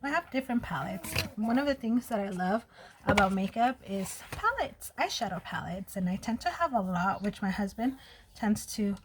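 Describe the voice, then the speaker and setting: This thirtysomething American vlogger has a slight lisp and lively intonation, speaking at normal speed in a mid-range voice while applying makeup. She's chatty and candid with her viewers, and the background is noisy.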